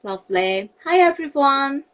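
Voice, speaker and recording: Slow, cheerful young woman from Turkey. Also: high voice, lively intonation, background noise. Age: 20s. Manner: cheerful, enthusiastic. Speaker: interviewee. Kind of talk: live video call mock interview. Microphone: video call.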